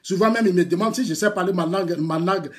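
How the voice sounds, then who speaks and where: A man from Côte d'Ivoire, a native Bété speaker with an Ivorian French accent, is a political activist replying to a critic in a heated video rant. His voice is high-pitched and rapid-fire as he lectures and scolds the rival at length. He repeats his phrases and breaks into bursts of laughter.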